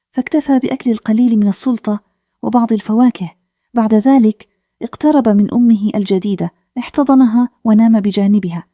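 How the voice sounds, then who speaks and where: A woman narrating a calm bedtime story in a steady, even way. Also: on the high side, no room sound.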